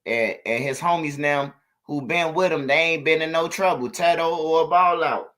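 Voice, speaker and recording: A man's voice: fairly high pitch, normal speed, a bit bright. A man giving blunt, casual commentary on street news, repeating himself for emphasis.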